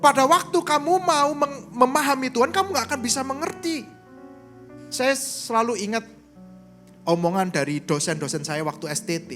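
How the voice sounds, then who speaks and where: Male pastor, chatty sermon, keeps asking the room "right?", soft music under him. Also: very high voice, moderate pace. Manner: lively, keeps asking the crowd "right?", acts out little quoted exchanges. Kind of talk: conversational sermon. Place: church service stage.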